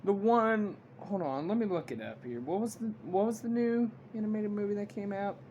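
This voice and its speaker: A man giving an unscripted movie review rant, halting and blunt, with frequent restarts. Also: high voice, darkish tone, a little hiss or hum.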